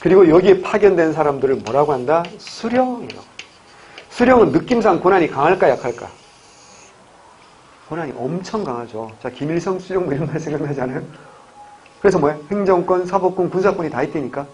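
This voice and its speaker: An animated man from Gyeongsang, his voice on the high side and darkish, talks a little fast through an exam-prep history lecture. He keeps asking questions and answering them himself; the recording is dull, lo-fi, and faintly hissy.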